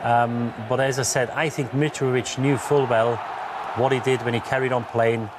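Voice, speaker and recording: A man's voice: medium pitch, flat delivery, normal speed, background noise. A man giving post-match football analysis as a pundit, thinking aloud with many fillers and restarts.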